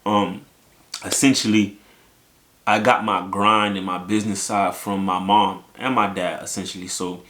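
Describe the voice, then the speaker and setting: A man's voice: low voice, little pitch movement, measured pace, a bit bright. A young man from Haiti telling his own story to his viewers in a casual, slangy way, often asking "you know what I'm saying". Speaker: vlogger.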